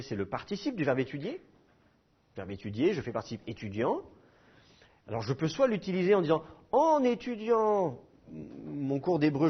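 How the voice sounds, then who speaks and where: A man's voice: medium pitch, husky, dull audio. A man teaching a class, explaining patiently and repeating key points with fillers. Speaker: Hebrew teacher. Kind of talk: classroom lecture.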